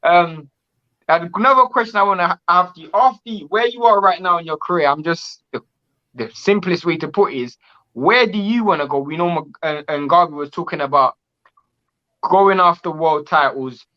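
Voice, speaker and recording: A man's voice: high-pitched, normal speed, lo-fi sound. A man hosting a casual boxing interview, asking rambling, enthusiastic questions with restarts. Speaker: boxing channel host.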